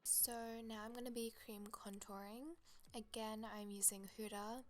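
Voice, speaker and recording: In this makeup tutorial voice-over, a young female makeup artist enthusiastically talks up products in a chatty manner. She has a cold, so her mid-range voice is a little crackly, though her tone stays steady and her pace normal.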